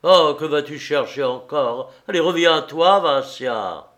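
A man's voice: a little high, unhurried, a bit bright, pitched above the performer's own voice. A man voicing a frightened young man who urgently pleads with his ailing friend. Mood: desperate. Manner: urgent, desperate.

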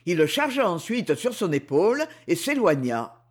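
Male narrator, high voice, animated storytelling read. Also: moderate pace. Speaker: audiobook reader. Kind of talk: scripted narration.

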